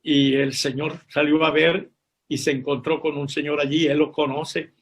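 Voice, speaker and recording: A man's voice: fairly high pitch, level tone, moderate pace, muffled recording. A man, a pastor and missionary, tells his testimony as a sermon, speaking to his brothers in faith and repeating words for emphasis. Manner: vivid storytelling, addresses listeners as brothers. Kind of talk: preaching a personal testimony.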